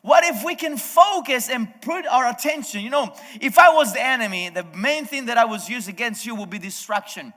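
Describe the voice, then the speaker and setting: Preaching in a sharp, very high-pitched voice, a Spanish-first-language pastor talks fairly quickly with few pauses and plenty of expression. He addresses the congregation directly during the church service, often restarting his sentences, and the hall echoes around him.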